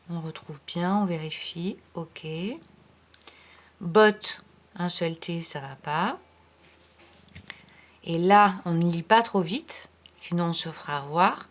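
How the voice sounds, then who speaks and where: A woman teaching young children from home, in a slow, unhurried delivery. She is patient and careful, spelling words letter by letter and sometimes murmuring quiet asides. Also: lowish voice. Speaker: primary school teacher.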